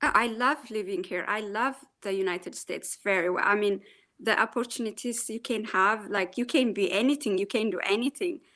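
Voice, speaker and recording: A woman in her thirties from Ethiopia with an Ethiopian accent, a guest speaking casually, hesitating with "um" and laughing softly. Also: mid-range voice, moderate pace. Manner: warm, hesitant, frequent "um" and soft laughs. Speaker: guest, small business owner. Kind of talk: casual interview chat.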